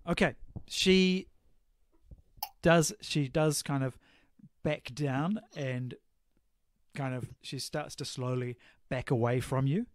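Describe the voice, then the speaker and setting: A man running a tabletop game as game master over a call from home, halting with many fillers. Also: medium pitch, fairly even intonation. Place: home bedroom. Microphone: home remote-call mic.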